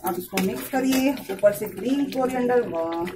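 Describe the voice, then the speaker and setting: A young woman chatting softly and slowly while she cooks in her home kitchen, recorded on a phone. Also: on the high side, far from the mic, background noise. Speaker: cooking vlogger. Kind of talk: casual home cooking vlog.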